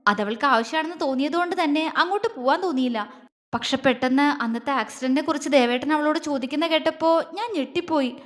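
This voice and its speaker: A woman's voice: sits high, close to an everyday voice. A woman voicing a young woman in love, tearful and anxious, asking pleading questions.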